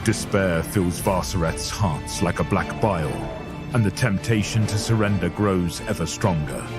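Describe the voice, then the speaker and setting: In a dramatic style, a man with a low voice narrates a scripted audio story at a normal pace. A clear bed of dramatic music runs under his voice.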